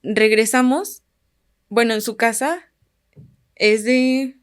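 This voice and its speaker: A woman from Guerrero with a Mexican Spanish accent, a podcast guest telling a personal story in a calm, casual way that often fades quietly at the end of phrases. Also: a little high, slow pace, clean tone.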